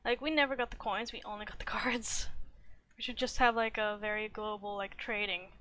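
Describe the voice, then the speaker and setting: A woman's voice: mid-range voice, steady tone, fairly quick, bright, forceful tone, slight background noise. A woman streamer chatting casually on a livestream, rambling with lots of fillers and restarts, a little out of breath. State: slightly out of breath.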